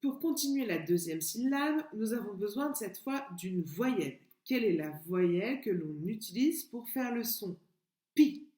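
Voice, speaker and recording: A woman kindergarten teacher giving a remote literacy lesson to young children, slowly and patiently sounding out letters and syllables. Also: medium pitch, warm tone. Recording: echoey room.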